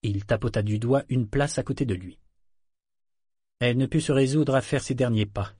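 Measured male audiobook narrator, dry. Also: medium pitch, mellow, husky, no room sound. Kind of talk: scripted narration.

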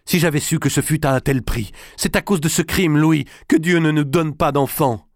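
A man's voice: normal speed, a little mellow, no echo, studio quality, close to an everyday voice. Man voicing a devout resolute young queen. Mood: accusing. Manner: firm and accusing, raised high.

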